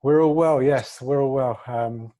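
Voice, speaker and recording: A fitness coach from North London, a man of about forty (somewhere in his 30s or 40s), answers as an interview guest in a casual, modest, self-effacing way. His London-accented voice sits at a medium pitch and sounds warm and unhurried, though the recording quality is poor.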